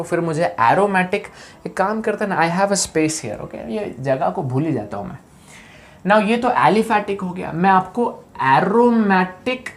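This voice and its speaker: Guy teaching chem online, keeps asking the kids stuff, goofy memory tricks. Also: high voice. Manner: keeps quizzing students with repeated questions and jokey memory tricks. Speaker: chemistry teacher. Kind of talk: live online lecture mixing Hindi and English.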